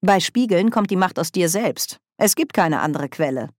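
A woman's voice: on the low side, lively intonation, moderate pace, darkish tone, no echo, studio quality, close to an everyday voice. A woman voicing a proud, scheming sorceress who speaks with cool superiority and false friendliness in a storybook reading. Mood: cutting.

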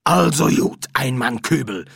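A man's voice: mid-range voice, expressive, unhurried, gravelly, a bit bright, breathy edge, no room sound, studio quality, voice pushed up, full character voice. A man voicing a stern, bossy older female medium who gives curt orders. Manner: curt, commanding.

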